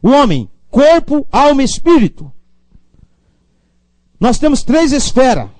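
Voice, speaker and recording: Brazilian pastor guy preaching, high voice that jumps all over, asks for amens a lot. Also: very animated, measured pace, no room sound. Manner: preaching with call-and-response amens, swinging from low to loud. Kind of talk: sermon.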